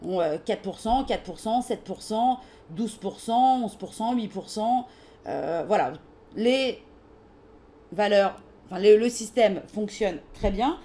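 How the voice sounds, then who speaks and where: A woman with a French accent presenting a live trading-software webinar, casual and hesitant, with frequent fillers as she reads out and answers questions. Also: mid-range voice, expressive, takes it slowly.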